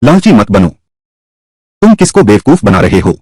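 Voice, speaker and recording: A man as a gruff old god of death in a dubbed drama, dismissive and grumbling. The voice is low and sounds close and dry. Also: big pitch swings, moderate pace, a little mellow, dry recording.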